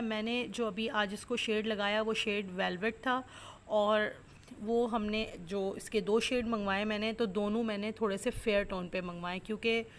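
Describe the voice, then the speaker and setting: A Pakistani woman makeup artist talks through a makeup tutorial one step at a time, explaining the products and techniques she uses. Her voice is medium in pitch, with a little background noise. She is instructive and methodical but fills her explanations with lots of fillers.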